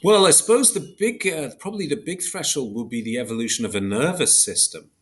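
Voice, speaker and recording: A man with a medium-pitched voice speaks animatedly and a little fast as an academic interview guest. In this thoughtful discussion, he thinks aloud hesitantly, correcting himself and reflecting as he goes.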